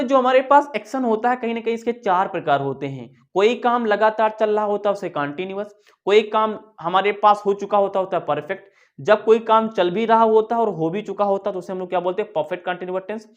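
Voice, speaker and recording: A man's voice: high voice, muffled recording. A man teaching a lesson in a casual, chatty way, asking his own questions and answering them. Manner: chatty, keeps saying "yaar". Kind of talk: casual classroom explanation.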